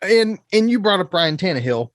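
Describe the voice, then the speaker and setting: Casting: male podcast co-host, slightly high voice, dry close mic, chatty. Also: very animated, normal speed, a bit bright, no echo. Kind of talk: casual sports podcast chat.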